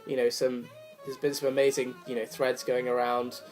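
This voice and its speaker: Hoarse with a cold, this young vinyl-collecting vlogger talks casually to camera about his records in a mid-range, flat voice at a moderate pace. He rambles, apologizes, and uses plenty of fillers as soft jazz plays in the background.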